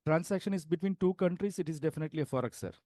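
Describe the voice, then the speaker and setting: A man's voice: a little high, very fast, dark tone, no room sound. A male student answering his teacher's questions hesitantly, with many fillers and a polite "sir". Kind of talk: answering in class.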